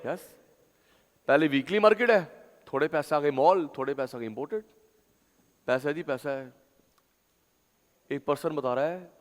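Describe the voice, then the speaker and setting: A male teacher giving a classroom lecture, drilling terms through loud, chanted call-and-response repetition. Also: on the high side. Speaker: commerce teacher. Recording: long hall reverb.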